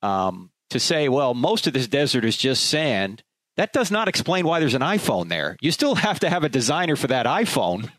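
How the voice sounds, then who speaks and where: A man's voice: medium pitch, very animated, moderate pace, fairly bright tone, dry recording. A man hosting a radio interview show in a conversational way, asking questions and wrapping up segments.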